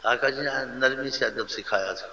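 Man, preacher, gravelly, very bright tone, sermon, roomy hall, dull lo-fi recording. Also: mid-range voice. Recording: echoey hall, dull lo-fi sound.

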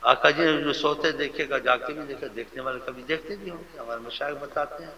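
A man preaching a devotional sermon with fervent, animated delivery, sometimes mimicking how people speak to others. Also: mid-range voice, slight background noise. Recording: lo-fi recording with faint ambience.

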